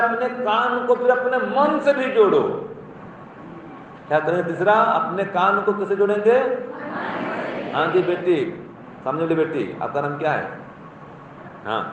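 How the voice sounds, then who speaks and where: A man lectures a room of schoolchildren in a teacherly way, repeating his points and praising the children who answer. His voice sits high and carries from far off, in a very echoey space that sounds dull and muffled. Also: a bit bright, slight background noise. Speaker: speaker addressing school students. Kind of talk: moral talk to a class. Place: school hall or classroom.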